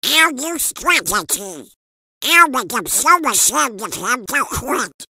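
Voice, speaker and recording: A performer voicing an excitable, scheming male cartoon duck with a squawky duck voice in a comic dub. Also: mid-range voice, slow pace, husky, full character voice. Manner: excitable, loudly exclaiming.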